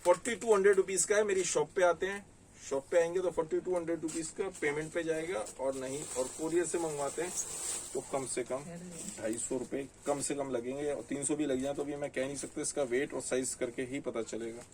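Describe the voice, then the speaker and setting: A saree shop owner with a Delhi Hindi accent sells online, chatting casually as he shows garments and reads out prices and sizes. His voice sits on the high side with a steady tone, a darkish color, and a slightly quick pace. The mic is distant, with a little hiss or hum and poor audio overall.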